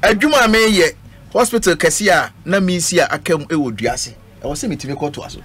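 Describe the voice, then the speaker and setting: A fairly quick, expressive speaker with a fairly bright, breathy-edged voice on the high side: a middle-aged Ghanaian-accented guest on a political radio panel, emphatic, repetitive in his phrasing and code-switching. The audio is a noisy live stream from an indoor radio studio, via a studio microphone on a stand.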